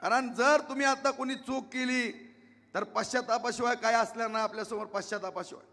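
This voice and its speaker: A man's voice: very high-pitched, steady tone, fairly quick, pushed and bright, long reverb tail. A man giving an emphatic campaign rally speech as an election candidate, repeating himself and pleading with the crowd. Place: outdoor public rally.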